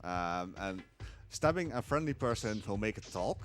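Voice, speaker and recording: A man commentates live on his own speedrun, explaining as he plays in a relaxed, hesitant way with many fillers. His voice is lowish at a normal speed, and faint music plays behind him.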